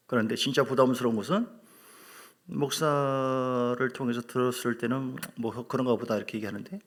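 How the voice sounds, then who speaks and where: A man's voice: mid-range voice, moderate pace. A middle-aged male pastor preaching a sermon, telling stories emphatically and putting questions to the congregation. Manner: animated, emphatic storytelling with acted quotes.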